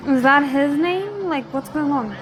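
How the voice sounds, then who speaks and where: Over music, a woman hosts a reaction video in a high, animated voice at a measured pace. She comments casually and expressively to the camera, her hesitant phrasing trailing off into asides.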